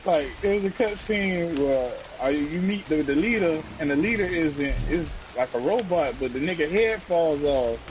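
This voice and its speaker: A man's voice: a little high, normal speed, few pauses, low-quality recording. A young man casually chatting with a friend while playing a game, slangy and profane, rambling and laughing often. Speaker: gamer. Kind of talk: casual gameplay chat with a friend. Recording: steady rain-like background hiss.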